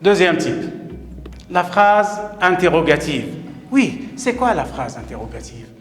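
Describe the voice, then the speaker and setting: A man teaching a grammar lesson to children, slow and emphatic, repeating key words and praising answers. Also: a little high, big pitch swings, fairly bright tone, reverberant, in a large hall, soft background music. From Morocco. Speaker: primary school teacher.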